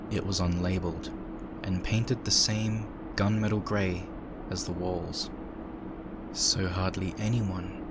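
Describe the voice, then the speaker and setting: A man with a low voice narrates a dramatic story in the first person. Loud engine noise and ambient sound effects of machinery make the recording very noisy.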